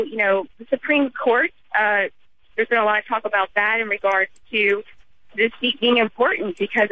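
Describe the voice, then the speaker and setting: A woman reporting live and unscripted from an election event, speaking hesitantly with many filler phrases over a remote line. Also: mid-range voice. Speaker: radio political reporter. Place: campaign headquarters event. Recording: muffled noisy radio remote line.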